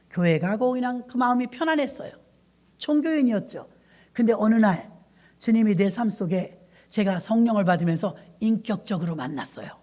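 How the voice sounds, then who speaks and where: A woman's voice: fairly high pitch, a little mellow. A middle-aged woman pastor preaching a sermon, emphatic and firing rhetorical questions at her congregation.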